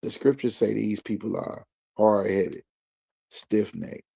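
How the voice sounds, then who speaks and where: A man's voice: on the low side, steady tone, takes it slowly, creaky, dark tone, husky. A man speaking as a guest in loose slang, building his points like a preacher. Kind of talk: casual explaining. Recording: dull lo-fi recording.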